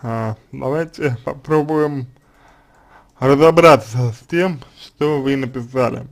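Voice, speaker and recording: Slow, halting man. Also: mid-range voice, vocal fry. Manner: halting and deliberate, many fillers and restarts. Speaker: psychologist answering a reader's letter. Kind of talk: slow consulting monologue.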